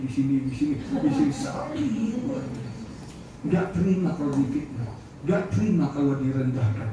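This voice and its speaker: A middle-aged man preaching a sermon as pastor, humorous and animated, acting out quotes. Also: a little high, slight background noise. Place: church hall. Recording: echoey room from far off.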